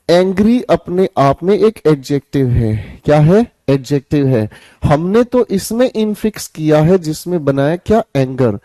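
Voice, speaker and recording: A man's voice: a little high, mellow, no echo. Coaxing, playful male teacher. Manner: coaxing, repeats questions and answers them himself; jokey, scolds students playfully. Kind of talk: live online grammar class.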